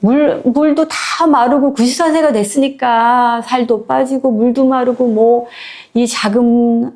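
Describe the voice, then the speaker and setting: A woman's voice: on the high side, steady tone, unhurried, mellow. Woman storyteller, chatty and conversational, retelling a book aloud with fillers. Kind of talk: casual spoken retelling of a short story.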